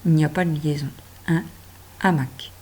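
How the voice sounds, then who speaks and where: A woman teacher gently guiding a child through handwriting and reading, speaking directly to them and stretching words out. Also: deep voice, fairly even intonation, normal speed, breathy edge. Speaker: primary school teacher.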